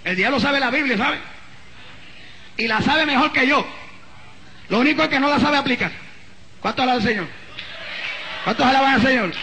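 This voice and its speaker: A man's voice: very high voice, normal speed, pauses often, pushed and bright, low-quality recording. A man preaching as an evangelist, telling a testimony in an impassioned sermon to a congregation in a church.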